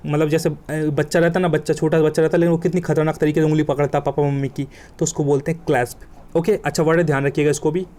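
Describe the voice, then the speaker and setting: Fast-talking vocabulary teacher, man. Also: a little high, level tone, dark tone. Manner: colloquial, joking, emphatic with vivid examples. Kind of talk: exam coaching lesson.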